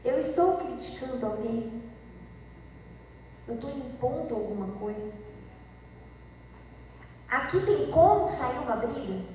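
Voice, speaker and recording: A woman's voice: high voice, slow pace, long pauses, slight background noise. A woman teaching a class, acting out example dialogues in different voices. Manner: animated, acts out example dialogues with shifting voices. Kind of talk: classroom lecture. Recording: echoey room, voice far from the mic.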